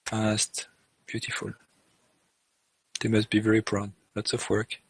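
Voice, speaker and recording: A man from France, hosting a casual podcast chat and reacting quickly with a teasing tone. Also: lowish voice, monotone, slightly rough, no room sound, low-quality recording. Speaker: podcast host.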